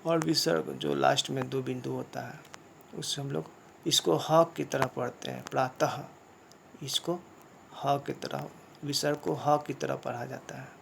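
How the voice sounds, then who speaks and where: A man teaching a grammar lesson, explaining slowly and repeating points, often asking a question and then answering it himself. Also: mid-range voice, little pitch movement, gravelly, noisy background. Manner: slow, repetitive explaining with rhetorical questions. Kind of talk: classroom lesson.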